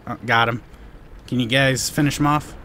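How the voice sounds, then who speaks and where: A young man of Korean birth hosts a live gameplay Q&A on his gaming channel, his mid-range voice steady, bright, and forceful at normal speed. He rambles through viewers' questions with many restarts and "you know"s, over a little hiss or hum.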